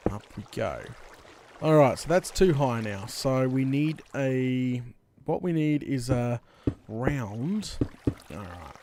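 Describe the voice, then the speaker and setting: An Australian man hosting a gaming video in casual commentary, rambling and thinking out loud in colloquial speech. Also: medium pitch. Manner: rambling, thinking aloud, with mild colloquial swearing. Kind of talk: casual Let's Play commentary. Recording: clear background noise, game clicks and water.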